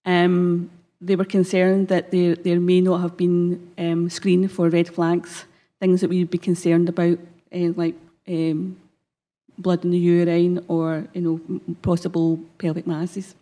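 On a conference hall stage, a health service manager from Scotland speaks in an unhurried, mellow voice that sits on the low side with completely flat delivery. Her broad Glasgow-area accent comes through the lectern's gooseneck microphone as she works through a prepared talk, a bit hesitantly and with many ums.

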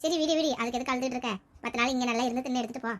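A woman's voice: high-pitched, racing. A woman, performing a family comedy skit with bickering, teasing village banter. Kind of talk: family comedy skit, playing several relatives.

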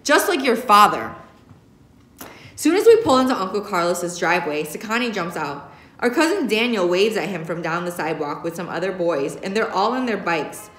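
The reader, an American woman who teaches, delivers a young adult novel in a sing-song, slightly fast voice pitched on the low side. A camera a short distance away records her in a roomy indoor classroom.

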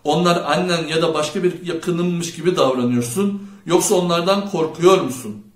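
A man's voice: a little high, normal speed, pitched above the performer's own voice, natural voice. A man voicing a bold, charismatic teenage boy who leads his friends, playful and bossy, in an audiobook. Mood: cocky. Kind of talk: audiobook character voice. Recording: roomy echo.

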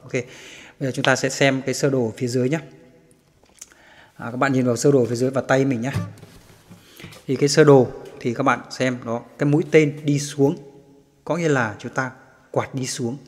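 A man's voice: medium pitch, steady tone, normal speed, long pauses. Man teaching guitar in an echoey room. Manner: patient, repeats strum counts aloud. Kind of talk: casual spoken lesson.

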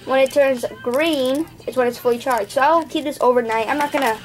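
With a high-sitting voice and a fairly quick pace, a young Indian-accented woman casually unboxes a gadget at her home desk. She thinks aloud and corrects herself as she goes, and the home camera recording is noisy.

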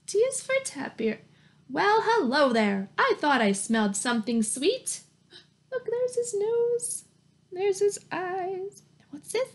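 Very high-pitched and slow, with wide swings in pitch, a thirtysomething woman reads a picture book aloud to young children in a teacher's encouraging, sing-song manner. She poses simple questions and praises the kids. The audio comes from a webcam or laptop mic at arm's length in a small, plain home room.

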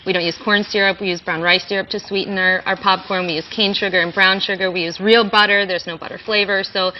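A woman's voice: medium pitch, steady tone, fast talker, muffled recording, slight background noise. A woman speaking as a business-owner guest in a daytime TV interview in a studio. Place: TV kitchen studio.

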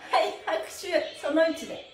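A stretch class host, middle-aged, runs a live online session from a mat on the floor of a small room, counting and chatting to participants in a cheerful, animated, encouraging manner at normal speed. The camera sits a few steps away, and the audio is very noisy with a roomy echo.

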